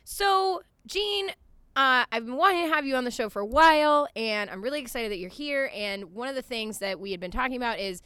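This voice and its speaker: A woman's voice: high-pitched, fairly quick, sharp tone, clear, resonant tone, no echo. A woman co-hosting a casual podcast from a backyard, chatting informally with some swearing. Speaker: podcast co-host. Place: outdoors in a backyard.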